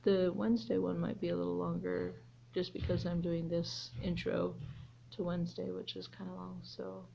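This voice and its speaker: A woman's voice: on the low side, level tone, normal speed, creaky, dark tone, a little hiss or hum. A woman who homeschools her children, chatting casually in a vlog, rambling with lots of ums and restarts. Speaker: homeschooling mother vlogger. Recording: slightly dull lo-fi audio.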